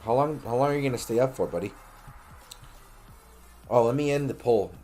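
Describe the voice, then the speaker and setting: A man's voice: mid-range voice, animated, a little fast, dark tone, soft background music. A man hosting a late-night game stream, chatting loosely and joking with viewers, swearing freely. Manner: loose, profane and joking, talks to viewers as buddy. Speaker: livestream host. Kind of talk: casual late-night gaming stream chat.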